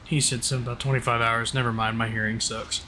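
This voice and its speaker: Speaking fast in a medium-pitched voice, this Oklahoma man from the southern US jokes around casually as he live-streams a flight simulator. The game-stream voice chat carries a constant background noise.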